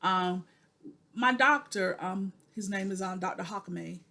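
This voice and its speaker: A woman's voice: mid-range voice, unhurried, creaky, sharp tone. A woman in her forties recording a personal video diary, talking to viewers in an earnest, preacherly way and repeating phrases for emphasis. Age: 40s. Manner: addresses viewers directly as "y'all". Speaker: vlogger.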